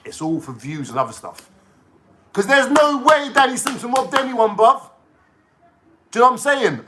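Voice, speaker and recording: Bright, high-voiced man ranting. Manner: mocking, slangy, swears a lot. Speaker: vlogger. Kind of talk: ranting monologue to camera.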